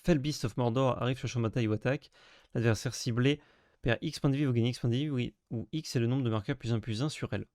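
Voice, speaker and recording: A man streaming a card pack opening in casual commentary, sarcastic and self-mocking with crude jokes, now and then breaking into sudden excited yelps. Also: medium pitch, no room sound, studio quality.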